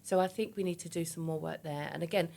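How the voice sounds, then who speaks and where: A business founder in her 50s from East London, England, speaks as a guest in a conversational interview, candid, chatty and emphatic, often acting out her own thoughts as quoted self-talk. Her low voice has vocal fry and a darkish, steady tone, delivered fast, with slight background noise.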